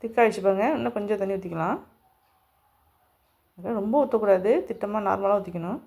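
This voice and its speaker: A woman's voice: medium pitch, fast, creaky, mellow. A woman, hosting a home cooking demonstration and explaining each step straight to her viewers. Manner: homely step-by-step instructions, speaking to viewers directly. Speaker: cooking channel host.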